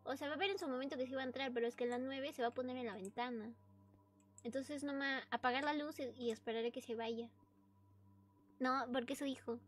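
A woman's voice: high-pitched, steady tone, brisk, a little hiss or hum. A woman giving casual let's-play commentary on a horror game, chatty and easily startled, breaking into screams and nervous laughs. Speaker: gamer playing a horror game.

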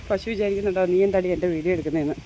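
A woman vlogging on a phone while she walks along outdoor roads, talking straight to her viewers. Her talk is loose and chatty, full of little check-ins with the audience. A faint outdoor hush sits under her voice. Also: fairly low pitch, rapid-fire, a little hiss or hum. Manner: chatty, keeps addressing viewers with tag questions. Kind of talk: casual walking vlog. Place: outdoors walking along roads, then at home.

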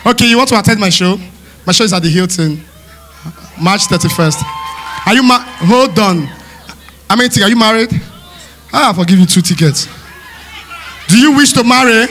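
A man from Delta State with a Nigerian Pidgin accent, doing loud, playful live stand-up at a church event. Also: sits high, lively intonation, normal speed, pauses often, a little hiss or hum. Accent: Nigerian Pidgin English. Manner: loud, playful, teasing the crowd, often shouting and laughing. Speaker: stand-up comedian. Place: church hall stage.

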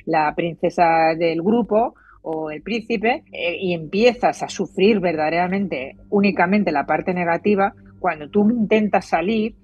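A woman's voice: fairly low pitch, a little slow, few pauses, darkish tone, slightly rough. A woman psychologist with a Spain Spanish accent explaining at length in casual chat, with frequent restarts. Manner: explanatory, many restarts, laughs easily. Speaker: psychologist guest. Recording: dull lo-fi dry audio.

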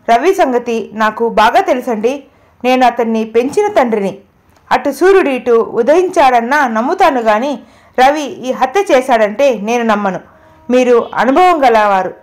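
A woman reading the part of a worried older man pleading on the phone for his foster son. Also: on the high side. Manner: pleading, emphatic.

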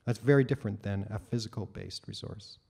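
A man's voice: on the low side, gravelly, darkish tone, husky. Middle-aged man giving a stage keynote. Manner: measured, explanatory, with occasional fillers. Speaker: keynote speaker. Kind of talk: conference keynote talk. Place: large dark auditorium stage. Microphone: handheld microphone.

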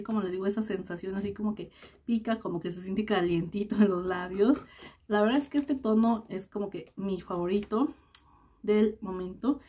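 A woman's voice: mid-range voice, darkish tone. Chatty woman vlogger with lots of fillers. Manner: chatty, full of fillers and diminutives. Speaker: beauty vlogger. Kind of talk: casual lipstick review vlog.

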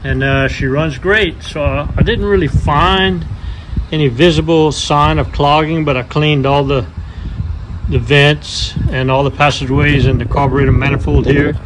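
A man's voice: a little high, fairly even intonation, normal speed, noisy background. A man, a vintage outboard motor mechanic, narrating his repair work in a folksy, matter-of-fact way and calling the motor "her". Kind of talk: casual repair vlog narration. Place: workshop and outdoors by the water.

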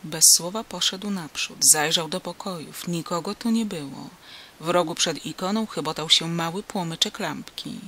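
An audiobook narrator reading a classic novel in a measured, steady voice. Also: mid-range voice, a little hiss or hum.

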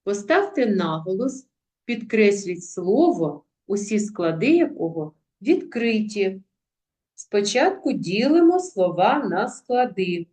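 A woman's voice: mid-range voice, big pitch swings, takes it slowly, darkish tone. A woman teacher giving a video lesson to young pupils. She speaks carefully and sounds out words syllable by syllable. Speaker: primary school teacher.

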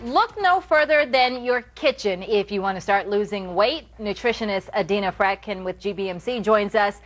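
A woman host leads a live morning TV chat with a mid-range voice. She is bright and encouraging and cuts in with quick remarks. The sound is close from a lapel mic on a studio set. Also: mid-range voice, expressive, soft background music.

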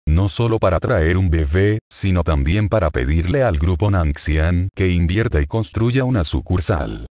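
A man with a low voice narrates a serialized web novel in a flat, even, machine-like way. The sound is close and dry, with no room around it. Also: moderate pace, no room sound. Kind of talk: scripted narration.

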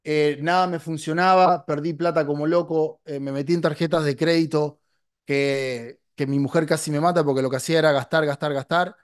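An online marketing coach from Latin America, a man in his forties, delivers a blunt, emphatic motivational talk to camera, sprinkling in English words. He speaks a little fast, with a voice on the high side and fairly even intonation. He's recorded dry on a boom-arm podcast mic in a small, dark indoor studio.

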